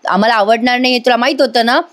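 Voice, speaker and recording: A woman's voice: on the high side, steady tone, very fast, a bit bright, close to an everyday voice. A woman quoting an indignant middle-aged mother-in-law who demands answers. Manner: demanding, reproachful.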